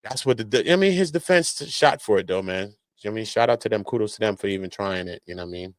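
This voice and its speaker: A lowish, expressive male voice moves at a quick clip in a dry recording. He's an American doing casual street-slang takes on criminal cases, occasionally reading documents aloud, with emphatic delivery and recurring verbal tags.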